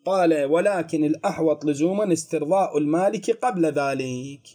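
A man's voice: a little high, moderate pace, mellow, faint music behind. A man with an Iraqi Arabic accent giving a religious jurisprudence lesson, explaining step by step and answering his own questions. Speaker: religious teacher.

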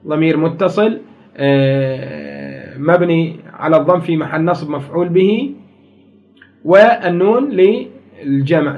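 A man's voice: high-pitched, highs cut off. A man with an Iraqi Arabic accent teaching a grammar lesson, repeating key words and quizzing his class.

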